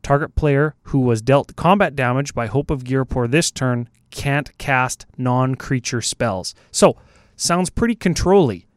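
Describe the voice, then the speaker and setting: A man's voice: medium pitch, measured pace, dry recording, clean studio sound. A man co-hosting a podcast in casual chat from a small broom closet, laid-back and joking, sometimes losing his train of thought. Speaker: podcast co-host. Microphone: good studio mic.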